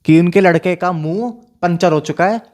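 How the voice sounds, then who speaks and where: Young man telling a story, animated. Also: sits high, moderate pace. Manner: animated, mixes Hindi with English phrases. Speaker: storyteller vlogger. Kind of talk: casual storytelling.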